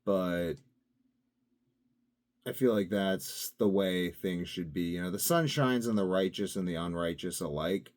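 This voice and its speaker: Speaking to his own video channel, a vlogger rambles casually, musing and drifting between topics with lots of fillers. His voice is low and darkish, at a measured pace.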